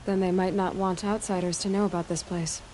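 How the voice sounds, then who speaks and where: An actress playing a sharp, skeptical young huntress who questions bluntly and dryly, in video game dialogue. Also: female voice, on the low side, flat delivery, a little fast, slight background noise, natural voice.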